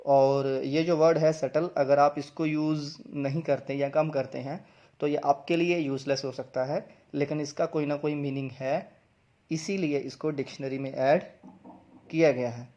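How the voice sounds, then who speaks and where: A young man teaches English pronunciation in a video lesson. His voice sits a little high, and he explains step by step, saying each word twice. The recording sounds dull and lo-fi. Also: fairly even intonation, a little slow, dark tone.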